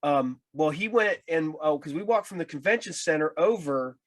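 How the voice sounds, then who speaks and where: A man's voice: a little high, expressive, moderate pace. An American man chatting casually as an interviewer, telling anecdotes in a loose, rambling way. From Ohio, United States.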